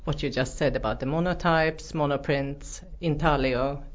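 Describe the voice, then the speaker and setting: Low-voiced woman hosting an interview. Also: moderate pace. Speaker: interviewer, host. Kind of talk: casual interview. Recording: muffled lo-fi recording.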